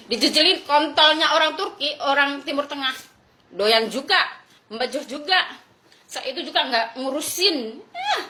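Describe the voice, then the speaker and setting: A woman's voice: high-pitched, bright, forceful tone, echoey room. A woman from Indonesia in an angry livestream rant, brash and mocking, who swears freely and laughs scornfully.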